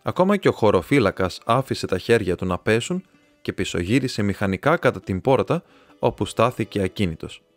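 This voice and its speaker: A Greek man narrating a classic novel as an audiobook reader, steady and even. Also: on the low side, no room sound, soft background music. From Greece. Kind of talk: scripted narration.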